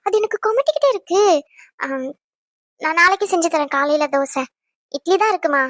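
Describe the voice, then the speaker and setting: A young woman plays an affectionate young wife in an audio drama, her voice bright and high. She chats along and fusses tenderly over her husband. The recording is close and dry. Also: expressive, brisk, no room sound. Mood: chatty, fussing. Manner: chatty, fussing, tender. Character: caring young pregnant wife, chatty and affectionate. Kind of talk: Tamil audio drama acting.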